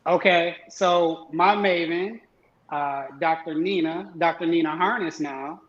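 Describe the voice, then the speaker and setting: A man's voice: on the high side, unhurried, a bit bright. Hesitant man on a roomy, dull line. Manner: hesitant, many ums and uhs. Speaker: guest husband. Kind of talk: casual video-call chat.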